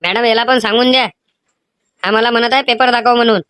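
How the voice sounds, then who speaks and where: A mischievous, whiny cartoon schoolboy, voiced by a woman with a Vidarbha Marathi accent. He talks fast and a little high, pleading and scheming. The sound is dry and close. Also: steady tone, fairly bright tone, no echo, close to an everyday voice. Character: cheeky young schoolboy cheating in an exam. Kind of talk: animated cartoon voice acting.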